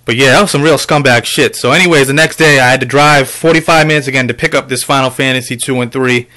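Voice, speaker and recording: Talking straight to his viewers, a man who collects video games rants casually about a game haul, swearing and piling on fillers as the story wanders. His mid-range voice stays steady and moves quickly, bright and forceful in tone.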